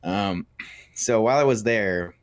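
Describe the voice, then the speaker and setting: A man's voice: on the low side, unhurried, no echo, clean studio sound. A man, the guest in a casual interview, joking and rambling as he tells his story. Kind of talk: casual chat.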